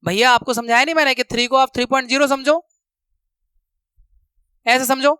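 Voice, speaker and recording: A man teaching a maths lesson, counting steps out loud and repeating the rules for students to remember, speaking terms. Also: very high voice, fairly even intonation, fairly quick, clear, resonant tone, no room sound. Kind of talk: classroom lesson explanation.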